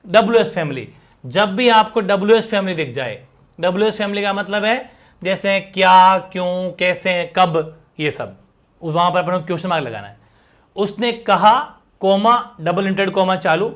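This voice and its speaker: A male teacher giving a live online grammar class, energetic and constantly checking in with his students. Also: high voice.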